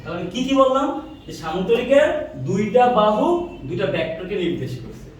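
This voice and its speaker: High-voiced, fast-talking male teacher in an echoey room. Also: big pitch swings, a little hiss or hum. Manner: drills students with repeated questions, answers himself. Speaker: physics teacher. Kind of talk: classroom lecture with call-and-response. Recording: echoey room, mic far off.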